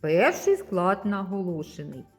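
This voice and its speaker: A woman teacher giving a slow, deliberate lesson to young children, stressing each syllable. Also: lowish voice, very animated, soft background music.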